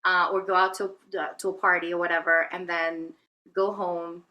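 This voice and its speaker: A Venezuelan woman, a spiritual healer, tells her life story as a guest in a reflective interview, hesitating often with fillers and restarts. Her voice is lowish and flat, at a normal speed, and the audio sounds dull.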